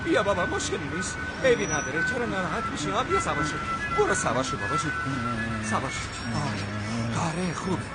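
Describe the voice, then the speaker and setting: A man voicing a fussy, coaxing young man who keeps soothing a panicky friend and urging him along, with loud music and crowd noise around. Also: on the high side, big pitch swings. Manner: coaxing, soothing, says "pal" constantly.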